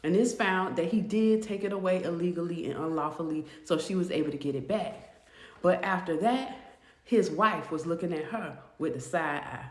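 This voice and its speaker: A woman telling a storytime tale in a casual, animated way, acting out the people in it. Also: fairly low pitch, moderate pace, echoey room. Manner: animated, acts out the quoted voices.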